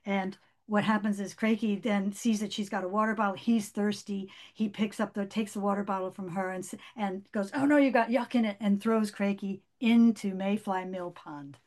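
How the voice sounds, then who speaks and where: A woman author chatting in an interview, then reading aloud from her own book; she talks in an animated way, with many restarts. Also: medium pitch, moderate pace, few pauses.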